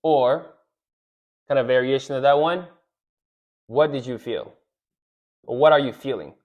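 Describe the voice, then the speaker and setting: A man giving relationship advice straight to the camera, animated, often checking in with "right?" and acting out what a wife might say. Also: medium pitch, a little slow, lo-fi sound. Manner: animated, repeats "right?", acts out quoted lines. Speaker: relationship coach. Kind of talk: direct-to-camera advice talk.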